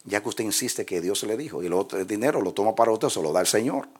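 A man in his sixties or older, a pastor, preaching a sermon in a soft, low-key storytelling voice in a church. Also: expressive, quick pace, slightly rough.

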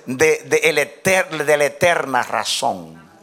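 High-voiced, emphatic male preacher. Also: lively intonation, slow pace, sharp tone. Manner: emphatic, swings between high exclamations and low murmurs; calls out to the congregation. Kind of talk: sermon.

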